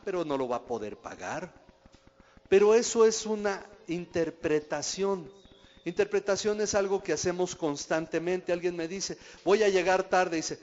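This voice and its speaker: Pastor preaching in a hall. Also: male voice, on the high side. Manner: conversational, asks the audience questions. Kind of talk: sermon teaching. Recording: dull recording in a reverberant hall.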